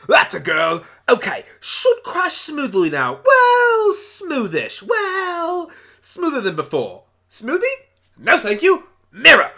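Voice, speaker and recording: Casting: excitable alien pony Doctor for radio play put on by a narrator, high bright voice, frantic self-talk. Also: slow, full character voice. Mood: excited, rambling. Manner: frantic, exclamatory, chattering to self. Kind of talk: hobby radio play character acting.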